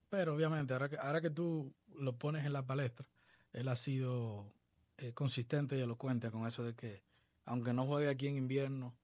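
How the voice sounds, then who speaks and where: A man from the Dominican Republic, a baseball coach being interviewed, talking in a measured, reflective way. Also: medium pitch, a little mellow, no echo. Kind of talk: podcast interview.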